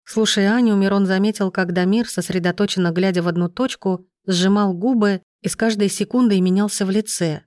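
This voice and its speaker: A woman narrating a romance audiobook in a measured, steady reading. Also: mid-range voice, no echo, clean studio sound. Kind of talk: scripted narration.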